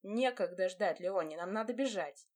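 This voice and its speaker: A woman's voice: medium pitch, moderate pace, a little mellow, close to an everyday voice. A woman doing a curt, scornful young nobleman. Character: arrogant, impatient young nobleman.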